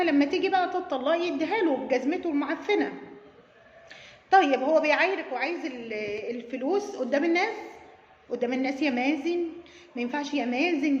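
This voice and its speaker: A woman's voice: high-pitched, fast talker, echoey room, long reverb tail, dull audio. A woman with an Egyptian Arabic accent giving mocking commentary on a viral video, sarcastic and scolding, laughing as she talks. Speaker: YouTube commentator.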